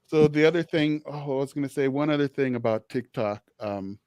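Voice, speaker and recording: A man's voice: medium pitch, a little fast, darkish tone, smooth, dry recording. A man with a mid-range voice hosts a conversational podcast. He rambles a little and restarts his sentences, with "you know" sprinkled throughout. The sound is dry and close to the mic. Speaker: podcast host, social worker.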